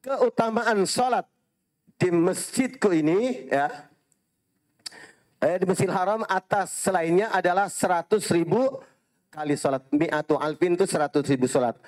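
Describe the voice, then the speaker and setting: Animated high-voiced preacher. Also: male voice, unhurried. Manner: animated storytelling, quoting Arabic phrases, addressing audience as Pak, Bu. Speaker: Islamic preacher and hajj guide. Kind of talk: sermon with anecdotes.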